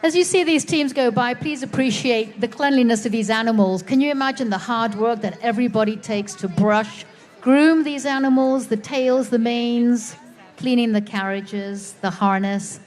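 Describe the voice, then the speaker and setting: A woman with a somewhat high voice co-announces a live parade. She talks to the crowd with appreciative commentary. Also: moderate pace, darkish tone.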